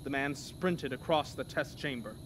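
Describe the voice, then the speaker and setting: A middle-pitched male narrator performs a scripted horror tale in a dramatic, theatrical way at a moderate pace. The recording has clear background noise.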